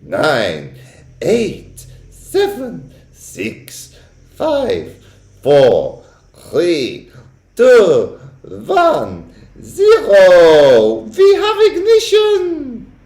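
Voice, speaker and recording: Bossy shrill witch lady that a man voices, big swoops, roomy sound. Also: huge pitch swings, drawn-out words, darkish tone, exaggerated voice. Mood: gloating. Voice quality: shrill and theatrical. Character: shrieking, domineering female witch leader.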